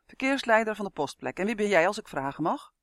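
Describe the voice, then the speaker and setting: A man voicing a brusque, loud male dwarf traffic controller in an audiobook. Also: sits high, very animated, fast, no echo, studio quality, voice pushed up, heavily acted. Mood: gruff. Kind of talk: audiobook character voice.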